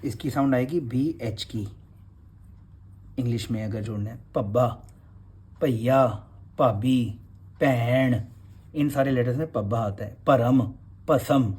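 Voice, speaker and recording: Guy teaching letters, slow and patient, kinda husky warm voice. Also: mid-range voice. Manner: patient, repeats letter sounds slowly. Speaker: Gurmukhi script teacher. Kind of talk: revision class for beginners.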